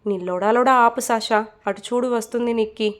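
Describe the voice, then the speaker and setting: A woman's voice: on the high side, fairly even intonation, fairly quick, background noise, lightly acted. A woman reading a storybook, voicing an exasperated young husband who speaks curtly.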